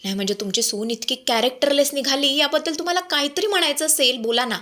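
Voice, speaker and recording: A woman's voice: sits high, fast talker, bright, forceful tone. A woman voicing a pushy, prying TV news reporter who badgers a family with insistent questions. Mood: badgering.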